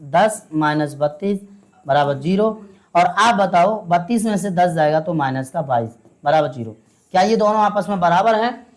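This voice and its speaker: A woman with a fairly low, darkish voice and lively intonation teaches a maths lesson step by step at a normal speed. She stays patient, keeps quizzing her students, and calls them "beta."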